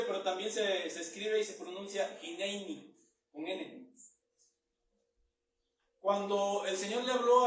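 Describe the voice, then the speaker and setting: A man's voice: high voice, fairly bright tone. A man preaching a Bible teaching sermon, reading verses aloud and then explaining them in plain words. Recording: very echoey room, mic far off.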